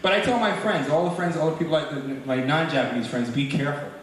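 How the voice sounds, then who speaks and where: A man's voice: on the high side, fast. Man doing stand-up, echoey. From Brooklyn, New York. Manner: chatty, teasing the crowd. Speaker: stand-up comedian. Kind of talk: stand-up comedy set. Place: comedy club. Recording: echoey live club recording from far off, crowd noise.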